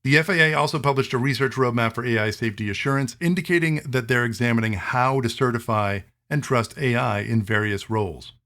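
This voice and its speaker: Conversational man explaining aviation tech. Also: mid-range voice. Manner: conversational, animated asides, quick bursts then slowing to spell terms. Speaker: host. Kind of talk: explanatory monologue.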